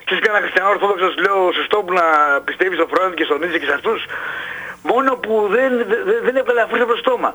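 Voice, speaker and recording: A man, calling in to a radio show and retelling a story in an excited, rambling way with stammered restarts. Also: high-pitched, husky, rough recording. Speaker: caller. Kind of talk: phone-in chat, retelling a story.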